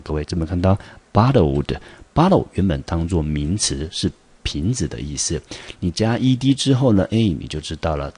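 A man's voice: deep voice, darkish tone, husky. A man teaching English vocabulary in a patient, explanatory classroom manner, switching between Mandarin explanation and English example sentences. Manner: patient, explanatory, sprinkles fillers like 哎 and 好. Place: school video recording.

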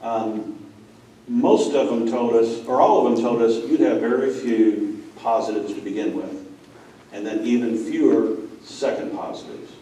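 A man's voice: mid-range voice, steady tone, a little slow, warm tone. A middle-aged man, a school president, giving a plainspoken conference talk to a seated audience, telling stories with asides to the listeners. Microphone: far room mic. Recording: echoey room from far off.

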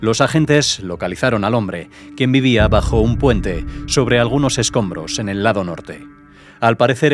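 Male narrator, medium pitch, dramatic scripted countdown voice-over with loud music underneath. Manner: dramatic, florid wording.

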